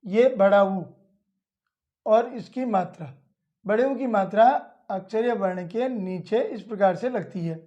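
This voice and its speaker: Slow, patient male Hindi reading teacher. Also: sits high. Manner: spells out syllables slowly and repeats them. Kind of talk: slow instructional lesson. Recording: dull lo-fi audio.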